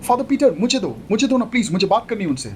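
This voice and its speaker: A man's voice: high-pitched, sing-song, fast talker, darkish tone, slight background noise, voice pushed up. A man voicing a frightened, bossy young bride who pleads and snaps at her companion in an exasperated manner. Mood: pleading.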